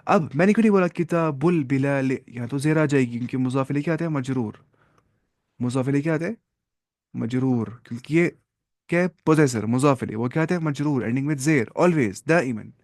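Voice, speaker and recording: A man's voice: medium pitch, moderate pace, a little mellow, no room sound, clean studio sound. A man teaching an Arabic grammar class, who repeats key terms and keeps quizzing his students.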